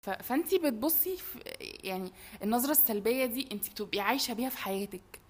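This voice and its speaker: A woman's voice: a little high, lively intonation, quick pace. A young woman with an Egyptian Arabic accent, chatting casually and reflectively. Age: young adult. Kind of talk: casual reflective group chat.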